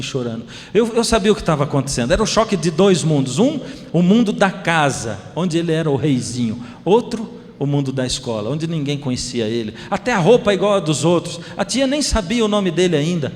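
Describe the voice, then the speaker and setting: A man's voice: fairly high pitch, a little mellow, big-room sound. A man with a Brazilian Portuguese accent, a pastor telling a family story in a sermon and acting out the dialogue.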